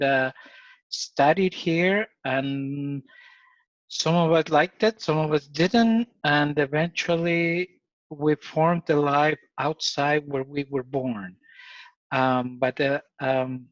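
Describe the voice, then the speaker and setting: A man from Ecuador whose first language is Spanish tells his story at an easy pace, pausing on fillers and laughing freely. His voice sits fairly high for a man. The sound is dry and a bit dull. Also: no room sound. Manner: relaxed, many fillers, laughs easily. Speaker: guest. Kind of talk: casual storytelling interview.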